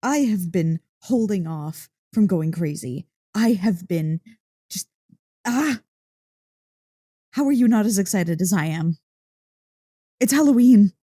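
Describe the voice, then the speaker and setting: In an ASMR roleplay, a woman plays an excitable dog-girl girlfriend talking one-on-one to her partner, her soft, mellow, medium-pitched voice recorded close and dry with no echo. Giddy and excited, she gushes, teases, and acts playfully indignant. She speaks slowly, taking her time over the words and pausing often.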